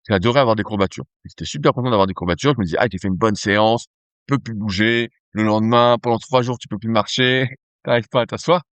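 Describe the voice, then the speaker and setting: A man's voice: medium pitch, a bit bright, no echo. A man explaining strength training on a podcast in a conversational way, with fillers and restarts. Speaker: podcast host, nutrition company cofounder.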